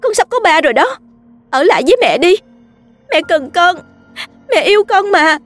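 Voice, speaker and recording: A woman voicing a frantic, cruel young mother who wails and pleads in a shrill voice. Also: very animated, slow pace, sharp tone, faint music behind, full character voice. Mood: wailing. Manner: shrill, wailing.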